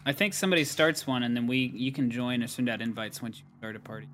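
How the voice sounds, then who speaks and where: A man's voice: mid-range voice, quick pace, fairly bright tone, a little hiss or hum. Chatty young-sounding gamer man. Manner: chatty, laughs easily, rambling restarts. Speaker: gamer and video maker. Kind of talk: casual gaming voice chat.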